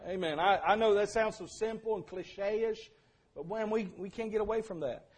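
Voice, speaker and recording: An older man preaching a sermon, telling stories and building to fervent shouts. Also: high voice, moderate pace, slightly rough. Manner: storytelling, builds to shouting at climaxes.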